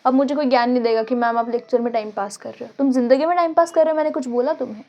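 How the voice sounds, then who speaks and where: A young woman teaching a biology lesson in a casual, joking way, thinking aloud and dictating notes slowly, from India. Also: a little high, fairly even intonation, dark tone, highs cut off. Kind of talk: casual Hinglish classroom lecture.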